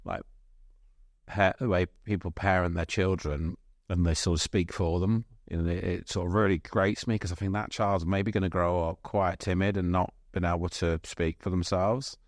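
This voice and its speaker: A middle-aged man hosts a podcast, talking with eager enthusiasm and looping, restarting sentences. His voice sits very low, and the sound is dry and close to the mic. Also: steady tone, moderate pace, no room sound. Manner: enthusiastic, rambling with many restarts. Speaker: podcast host. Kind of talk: casual interview chat.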